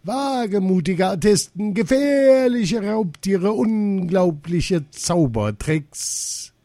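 Ein Mann, der einen pompösen Zirkusdirektor spielt, der in gedehnten, krähenden Ausrufen Reden hält. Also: male voice, expressive, slow, no room sound, clean studio sound. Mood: grandly declaiming. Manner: grandly declaiming, crowing falsetto shouts. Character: pompous male circus director, loves giving speeches.

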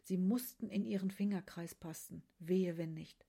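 Brief: female narrator for a quiet literary story, hushed delivery, mellow husky tone. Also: on the low side, moderate pace. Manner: hushed, often dropping to a whisper.

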